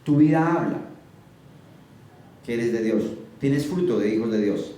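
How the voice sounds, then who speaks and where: Male preacher, earnest repetitive sermon, mellow tone, distant mic in a reverberant room. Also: medium pitch, lively intonation, measured pace, a little hiss or hum. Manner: earnest, repeats phrases for emphasis. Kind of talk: sermon with scripture reading.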